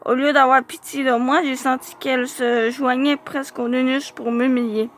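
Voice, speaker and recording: High-voiced woman reading a story aloud. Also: moderate pace, slight background noise. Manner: lively, expressive storytelling with small slips. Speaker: reader of a youth novel. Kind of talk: reading a diary-style novel aloud.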